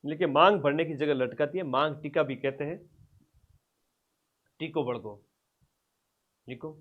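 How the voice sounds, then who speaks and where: A man with a fairly high voice teaches an exam-prep class and repeats key terms slowly so students can write them down. He drifts nearer to and farther from the mic, so his loudness rises and falls. The recording sounds dull and low-fidelity. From Rajasthan. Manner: loudness and distance from mic vary a lot.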